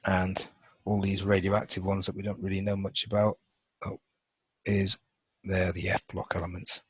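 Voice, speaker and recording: A man with a lowish, slightly husky voice walks through a chemistry lesson, thinking aloud as he marks up a chart. He talks in a loose, unscripted way, full of fillers and restarts. The sound is dry and close. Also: completely flat delivery, moderate pace, no room sound, low-quality recording. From England. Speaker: chemistry teacher. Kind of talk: informal lesson over a drawn screen.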